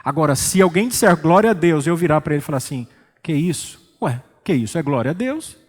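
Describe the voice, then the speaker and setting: A man with a Brazilian Portuguese accent preaching an expository sermon as pastor, calm and joking, acting out church members. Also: on the high side, quick pace, husky, in a large hall. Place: church sanctuary.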